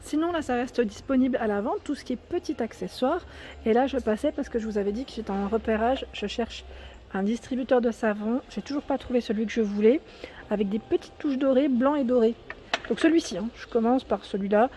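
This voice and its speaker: Her voice is a touch high, slightly quick, and mellow. This French-accented shopping vlogger chats excitedly while wandering a large home improvement store indoors, calling out sizes and prices as she goes in a relaxed walkthrough.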